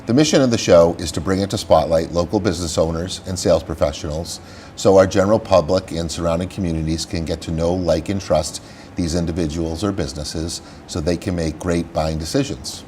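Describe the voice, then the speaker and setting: A man's voice: sits low, fairly even intonation, fairly quick, a little mellow, slight background noise. A man hosting a local business interview show, reading a scripted welcome and then asking chatty questions.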